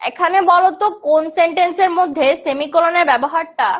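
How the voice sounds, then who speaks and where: A woman's voice: very high-pitched, brisk. A young woman from Bangladesh teaching a live online grammar class, explaining terms and answering students' chat questions.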